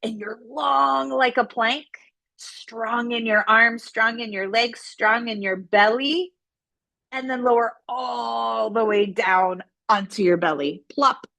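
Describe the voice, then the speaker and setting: Slow, gentle woman guiding kids' yoga. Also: a little high, vocal fry, no room sound. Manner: gentle, encouraging, playful cues with animal sounds. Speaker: yoga instructor. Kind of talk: guided kids' yoga instruction.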